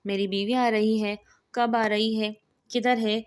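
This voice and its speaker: A woman's voice: on the high side, level tone, clean tone, natural voice. A woman reading as a cheeky young village man. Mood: teasing. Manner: teasing, cheeky.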